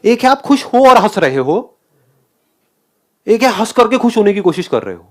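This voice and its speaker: A motivational speaker with a high-pitched, very animated voice talks at a normal speed, asking the audience questions and mixing English phrases into his speech.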